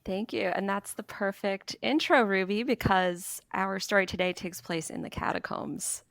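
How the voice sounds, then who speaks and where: A woman hosts a podcast from a bedroom, laughing easily as she chats and tells a story. Her voice has a gravelly edge. The sound is dry and close. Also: medium pitch, normal speed, no room sound. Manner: laughs often, relaxed telling. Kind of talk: casual chat and storytelling. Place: bedroom at her parents' apartment.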